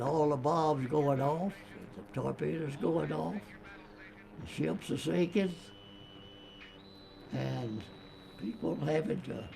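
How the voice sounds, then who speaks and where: An older navy veteran giving a slow, plain-spoken oral history recollection. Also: male voice, on the high side, vocal fry, darkish tone. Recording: faint background noise.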